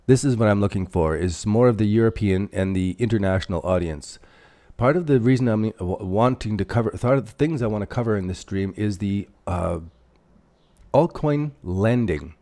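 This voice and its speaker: Canadian male streamer, low, mellow voice, loose rambling delivery while he reads chat and marks up charts. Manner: rambling, thinks aloud while drawing on charts; reads out and answers viewer chat. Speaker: crypto livestream host. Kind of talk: casual livestream chart commentary.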